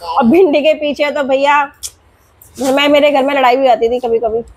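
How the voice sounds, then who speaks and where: A woman's voice: high voice, steady tone, moderate pace. A young woman vlogger and mother telling a home story in a chatty, rambling way, repeating herself as she goes, then drawing a moral.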